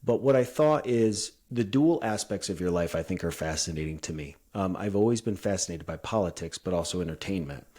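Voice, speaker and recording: A man in his thirties hosts a casual podcast interview with a deep, low-pitched voice. He sounds upbeat and chatty, leaning on the odd filler as he talks. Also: animated, fairly quick, hardly any pauses, dark tone. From upstate New York. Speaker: podcast host.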